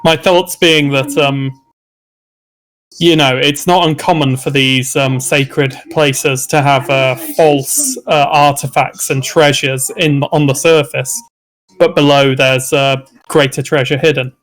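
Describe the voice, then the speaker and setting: A man's voice: mid-range voice, fairly even intonation, slow pace, a bit bright, poor audio. A man playing a tabletop game, speaking in character in a scholarly, musing way. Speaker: player.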